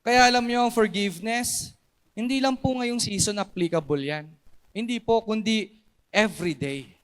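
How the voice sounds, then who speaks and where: A high-pitched Filipino man preaches at a church service, his voice climbing and dropping as he drives his points home. He keeps checking in with the congregation and slips English phrases into his sermon. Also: moderate pace. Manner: animated, mixes English phrases, asks the congregation "di ba?" and "Amen?". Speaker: pastor.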